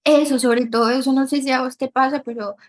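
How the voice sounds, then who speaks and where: Animated woman hosting a podcast. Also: sits high, fairly quick. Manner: animated, acts out little scenes with quotes. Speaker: podcast host. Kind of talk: casual conversation.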